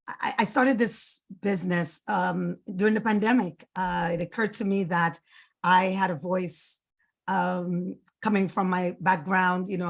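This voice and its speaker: A woman from Trinidad and New York introducing herself on a panel in a plain-spoken, conversational way. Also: lowish voice. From Trinidad and Tobago and New York. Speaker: panellist, development consultant. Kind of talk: informal self-introduction on a panel.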